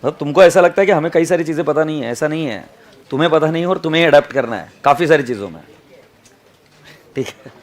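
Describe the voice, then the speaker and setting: Animated Indian man teaching accounts, high-pitched. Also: fast talker. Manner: animated, stretches words for emphasis, sing-song teaching intonation; mixes English into Hindi, calls students "beta". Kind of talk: classroom lecture. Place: classroom.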